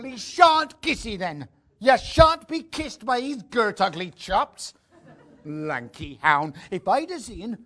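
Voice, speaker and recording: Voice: mid-range voice, a bit bright, full character voice. Someone doing a jealous swain. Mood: blustering. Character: young male country lover, jealous and hot-tempered. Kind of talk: recited dialect verse dialogue.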